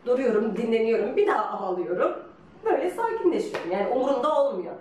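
A woman with a slightly high voice that swings widely as she talks. She tells her story in a casual, teasing way and laughs often. She is heard from a distance in a very echoey room with a faint hum behind her. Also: big pitch swings, fast, darkish tone. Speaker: guest telling her couple's story. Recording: roomy echo from a distance.

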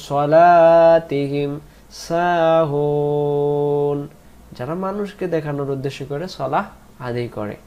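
A man teaching Quran pronunciation in a slow lesson, spelling out letters one by one and drawing out the recited words. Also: mid-range voice, creaky, a little mellow. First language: Bengali.

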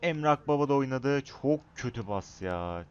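A young man gives casual, excitable commentary over his own football video game match. His voice is smooth and mid-pitched, and it surges loud when he yells at his players. The recording sounds slightly muffled and lo-fi. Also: normal speed. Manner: excitable, shouts at players, chatty asides to viewers. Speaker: gaming YouTuber.

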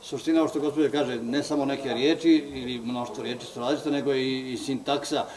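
A man explaining points in a group discussion, talking quickly and gesturing, picked up by a distant camera in a meeting room. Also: medium pitch, fairly even intonation, a crowd in the background. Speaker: parliament staff member. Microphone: far camera.

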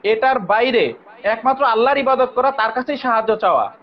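A man's voice: extremely high pitch, brisk. A man in a heated online debate, recounting his past and insisting on being heard. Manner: insistent, keeps interrupting to hold the floor. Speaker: former believer debating online. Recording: muffled lo-fi call audio.

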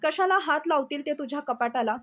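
A woman's voice: sits high, a little fast, close to an everyday voice. Woman reading a firm young husband. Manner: firm, reproachful.

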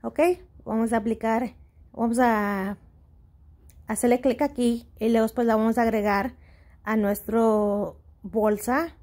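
A woman's voice: on the high side, fairly even intonation, a little slow, darkish tone. A woman in her Spanish, hosting a casual step-by-step tutorial, a little hesitant and mixing in English words. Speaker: host of a shopping tutorial channel.

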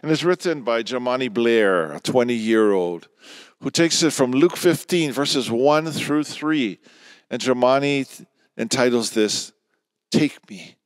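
Older pastor guy at a church pulpit mic, really slow, soft hushed line endings, dry close sound. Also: mid-range voice, dry recording. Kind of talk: devotional reading and prayer. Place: large church sanctuary, indoors. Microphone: stand mic at pulpit.

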